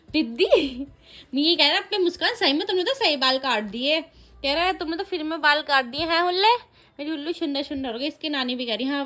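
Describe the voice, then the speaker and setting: A woman's voice: sits high, pushed and bright. A woman hosting a casual family vlog, chatty and teasing, talking straight to her viewers while filming on a handheld phone. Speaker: family vlogger.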